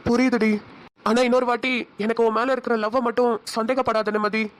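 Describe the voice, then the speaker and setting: A woman voicing an earnest, hot-tempered young husband in a cartoon, talking quickly. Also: a little high, level tone, close to an everyday voice. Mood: tender, pleading. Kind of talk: cartoon voice acting.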